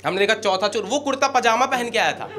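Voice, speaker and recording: A young man performing stand-up comedy on stage, telling a story in an animated way and acting out characters in quick asides. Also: high-pitched. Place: comedy stage before a live audience. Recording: live stage mic with loud audience laughter.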